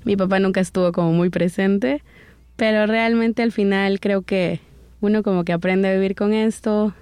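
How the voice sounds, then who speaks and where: A woman's voice: mid-range voice, fairly even intonation, moderate pace, darkish tone, clean tone, no echo, studio quality. Salvadoran woman in her thirties recounting. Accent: Salvadoran Spanish. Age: 30s. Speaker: interview guest. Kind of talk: personal life story in an interview.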